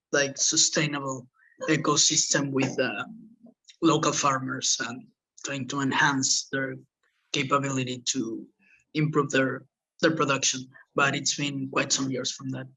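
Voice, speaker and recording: Bright, halting man. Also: mid-range voice, level tone, breathy edge, poor audio. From Argentina. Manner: halting, repeats words. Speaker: co-director of the organisation. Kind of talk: casual self-introduction. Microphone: video call.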